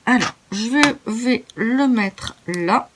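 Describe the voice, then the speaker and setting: A woman's voice: fairly high pitch, animated, slow, fairly bright tone. A French-speaking woman hosting a crafting tutorial, chatty and self-mocking as she narrates each step. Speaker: craft video host.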